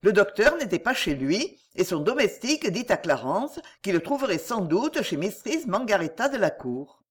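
A woman narrating a classic novel as an audiobook, with a measured reading manner. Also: medium pitch, sing-song, breathy edge. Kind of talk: scripted narration.

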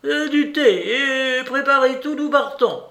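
A man voicing an imperious, quick-tempered rich old grandmother in an audiobook reading, shrill and scolding as she barks orders. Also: gravelly, fairly bright tone, full character voice. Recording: roomy echo.

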